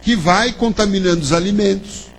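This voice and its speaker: At a moderate pace, a man whose voice sits high gives a conversational spiritist lecture in the lecture hall of a spiritist center, filled with questions to listeners and the tag "né?". The recording is low quality, with a faint hum behind the talk.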